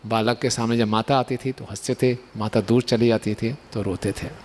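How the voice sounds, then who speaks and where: A man's voice: mid-range voice, fairly even intonation, normal speed, darkish tone, a little hiss or hum. Man preaching with tag questions. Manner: explanatory, with frequent rhetorical tag questions and chuckles. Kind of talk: Hindi sermon with stories.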